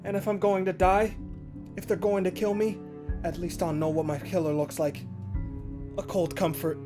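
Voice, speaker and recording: Game music plays as a male gaming host, his voice sitting high at normal speed, performs a horror visual novel with theatrical expression. Between lines he offers casual remarks.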